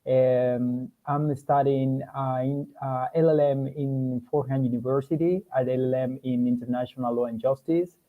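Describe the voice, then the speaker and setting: A man's voice: mid-range voice, steady tone, moderate pace, few pauses. A man from Venezuela, a law student, introducing himself on a video call in a hesitant way, with fillers and restarts. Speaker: program fellow and law student. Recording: tinny phone-like call audio.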